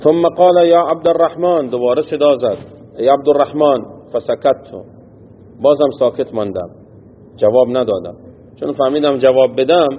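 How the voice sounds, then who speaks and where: Man teaching over a tinny line. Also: mid-range voice. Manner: reads each phrase, then explains it plainly. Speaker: religious teacher. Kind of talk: reading and explaining a text. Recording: tinny phone-like sound with long hall echo and faint noise.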